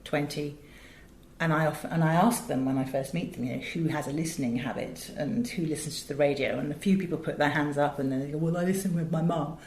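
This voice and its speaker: A middle-aged British woman, an audio director who also teaches at a drama school, speaks as an interview guest, sharing anecdotes about her work in an articulate, emphatic way. Her voice is low and darkish, her pace quick, with a slight hiss or hum in the audio. The room sounds spacious and echoey.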